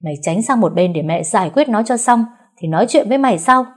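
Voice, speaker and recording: A woman voicing a furious, cruel older mother-in-law who hurls insults in a raised, shrill voice. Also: lively intonation, a little fast, close to an everyday voice.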